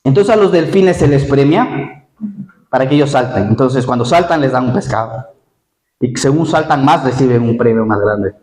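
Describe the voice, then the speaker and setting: A male pastor preaching a lively sermon, asking his congregation questions directly. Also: medium pitch, moderate pace. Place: church hall; Spain. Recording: echoey church hall.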